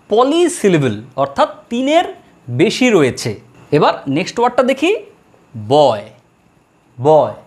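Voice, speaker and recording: Woman grammar teacher, animated, stretches out each example word for the class. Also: medium pitch. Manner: slow drawn-out model words, repeated for students. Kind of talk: classroom lesson.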